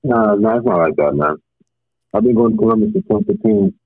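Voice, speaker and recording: A man calling in to a podcast over a muffled, bass-heavy phone line, talking in a calm, laid-back, reassuring way. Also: a little fast. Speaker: caller. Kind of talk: casual podcast chat.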